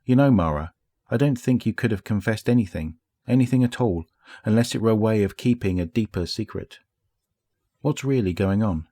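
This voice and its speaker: A sly, probing woman companion in a storybook reading, put on by a male narrator. She asks playful, direct questions with a lifted tone over a naturally low voice. The sound is dry and close. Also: animated, normal speed, mellow, no echo. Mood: teasing.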